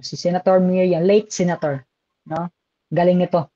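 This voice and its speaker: A man's voice: high-pitched, level tone, normal speed, dark tone, dry recording, lo-fi sound. A man with a Filipino accent giving a live online exam review lecture, chatty and switching between languages as he reads out viewer comments.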